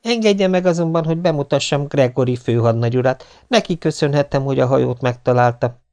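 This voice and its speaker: A man voicing a bold young woman in an audiobook, speaking briskly and forthrightly. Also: medium pitch, darkish tone, voice pushed up, lightly acted.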